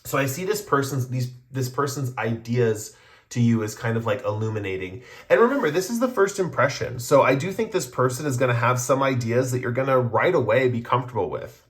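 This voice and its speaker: A man's voice: medium pitch, expressive, fairly quick. A man doing a casual pick-a-card tarot reading, explaining his cards to viewers in a meandering, conversational way. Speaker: tarot reader.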